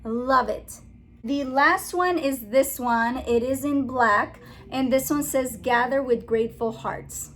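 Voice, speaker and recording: Young adult woman, high voice, enthusiastic casual haul vlogger. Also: takes it slowly. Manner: chatty, enthusiastic, giggly over a tongue-twister. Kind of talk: casual haul video chat.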